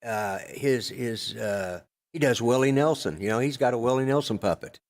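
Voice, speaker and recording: An older man co-hosting a podcast, chatting casually in a gruff, rambling way with lots of fillers and restarts. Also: mid-range voice, moderate pace. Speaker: podcast co-host. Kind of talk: casual chat.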